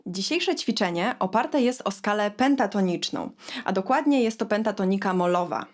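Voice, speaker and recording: A woman leading a vocal warm-up lesson, explaining relaxed scat singing in a calm teaching manner. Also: mid-range voice, moderate pace. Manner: relaxed teaching talk with sung scat demonstrations. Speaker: vocal coach. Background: backing music.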